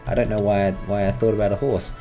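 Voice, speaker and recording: Man for let's-play commentary, a rambling chatterbox with a deep, warm tone over soft background music. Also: little pitch movement, quick pace. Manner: chatty, rambling, talks to his game creatures. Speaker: gaming channel host.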